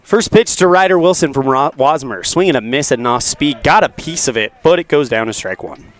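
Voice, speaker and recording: A man calling a baseball game for local radio from outdoors beside a tent. He counts balls and strikes in an even, practiced rhythm. On big hits his voice climbs and gets louder. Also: a little fast. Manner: calls pitches steadily, rising to excited bursts on big hits. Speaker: play-by-play announcer.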